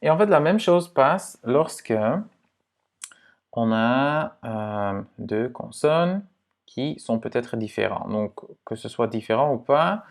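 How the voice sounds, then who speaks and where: Male language teacher, slow gravelly delivery, casual and chatty, lots of check-ins with the viewer. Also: mid-range voice. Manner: relaxed, filler-heavy explaining to the viewer, with frequent "hein" and "ok". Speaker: Dutch pronunciation teacher. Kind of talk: casual explanatory lesson.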